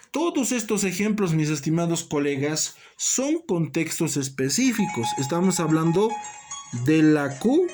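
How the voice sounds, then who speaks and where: A language teacher giving a recorded lesson, speaking deliberately, repeating key terms and calling the listeners brothers and colleagues. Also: mid-range voice, a little mellow.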